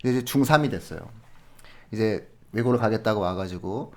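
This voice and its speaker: A man on an education podcast, telling classroom stories in an animated way and laughing often as he gives advice. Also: on the low side, normal speed. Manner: animated storytelling with frequent laughs; explains in a friendly advising way. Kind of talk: conversational podcast talk.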